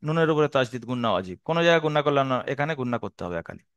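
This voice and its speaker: A man teaching Quran reading in a slow, patient lesson. He explains each rule again and again and draws out the Arabic syllables he recites. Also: medium pitch, lively intonation, clear, resonant tone, no room sound, highs cut off.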